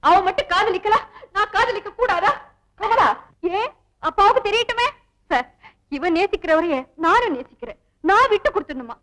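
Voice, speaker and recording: A woman playing a frank young orphan woman, high voice. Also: normal speed, long pauses, natural voice, rough recording. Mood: tearful, protesting. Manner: blunt and reasoning, addresses him as sir. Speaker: household worker. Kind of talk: 1960s Tamil film acting.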